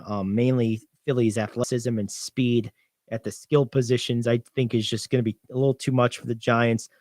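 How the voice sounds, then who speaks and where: A young man co-hosting a sports radio show, animated and confident as he talks through football picks, piling on "I think". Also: medium pitch, no echo, clean studio sound. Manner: animated, gets louder when excited, many "I think"s. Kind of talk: sports betting talk.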